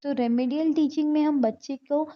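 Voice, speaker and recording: A woman teaching an exam-prep lesson, explaining each answer step by step and reading the English options out slowly. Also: sits high, fairly even intonation, highs cut off.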